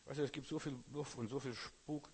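A man's voice: medium pitch, fairly even intonation, brisk, creaky, darkish tone, slightly rough. A man preacher giving an emphatic sermon, talking straight to his listeners and often asking if they understand. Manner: emphatic, talks straight to listeners with frequent "you know?".

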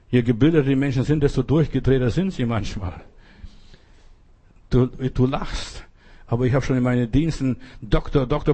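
A man's voice: mid-range voice, mellow. A man preaching in an informal sermon style, earnestly talking straight to the listener. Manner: earnest, addresses listener directly. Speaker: evangelist preacher.

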